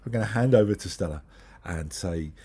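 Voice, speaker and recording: Short-of-breath man with a low, husky voice. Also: a little fast, warm tone. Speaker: host introducing speakers. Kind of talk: spoken introduction at an online talk.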